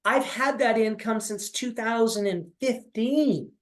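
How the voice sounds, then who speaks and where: A sales coach in his forties delivers a motivational pep talk on a training call, speaking in a very high-pitched, unhurried voice. His coaching style is repetitive and packed with fillers.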